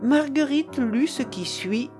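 Slow, expressive woman reading a novel. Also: high voice, music in the background. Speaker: reader.

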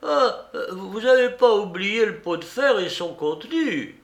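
A dying old male beggar with a thin, failing, rattling voice, mocking everyone around him. He speaks high and slowly, with a gravelly catch, as a male reader puts him on. The sound carries an echoey room. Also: big pitch swings, exaggerated voice. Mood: ironic. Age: older. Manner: mocking and imperious. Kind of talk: audiobook character reading.

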